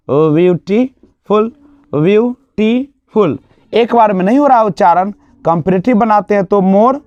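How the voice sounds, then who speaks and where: Guy teaching grammar for exams, fairly high voice, asks then answers himself, dull dry lo-fi sound. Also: a little mellow, dry recording. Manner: asks the class questions and answers them himself; draws out example words slowly. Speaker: English teacher. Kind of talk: exam-prep grammar lesson.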